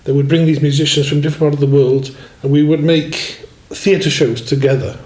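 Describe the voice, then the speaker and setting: A man in his sixties from Swansea, a musician telling his life story in a relaxed, rambling way and often saying "you know". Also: fairly high pitch, fairly quick. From Swansea, Wales. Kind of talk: relaxed autobiographical chat. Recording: echoey room.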